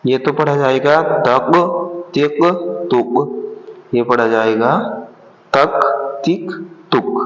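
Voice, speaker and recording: A male teacher sounds out letter pairs in an unhurried, patient way and repeats each syllable. He speaks very slowly at a middle pitch. His voice rings in a room with a long, echoing reverb. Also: fairly bright tone, muffled recording. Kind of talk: slow alphabet lesson.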